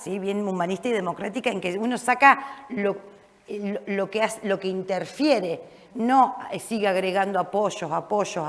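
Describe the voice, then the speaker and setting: A woman teaching a class, animated and checking in often with her listeners. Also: mid-range voice. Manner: lively, frequent "¿sí?" checks, restarts. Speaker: teacher trainer. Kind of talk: classroom lecture. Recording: reverberant classroom.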